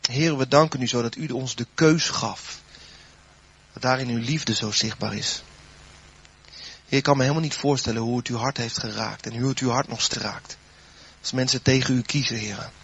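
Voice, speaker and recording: A fervent male preacher delivers a sermon and leads a spoken prayer, rising to loud appeals and falling to near-whispers. His voice is husky and breathy. The recording sounds dull and lo-fi. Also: mid-range voice. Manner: fervent, swells loud then drops soft.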